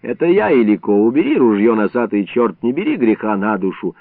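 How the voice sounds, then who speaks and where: A man's voice: fairly low pitch, sing-song, brisk, no room sound. A man voicing an old village man, trapped and pleading, cursing his tormentors, in a tinny phone-like recording. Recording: tinny phone-like band, dry.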